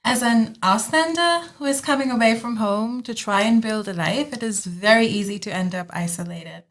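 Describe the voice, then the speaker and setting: A young woman from India, a student co-hosting a podcast, speaking in a measured way from prepared remarks. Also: on the high side, a bit bright. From West Bengal, India. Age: young adult. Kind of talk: scripted podcast talk.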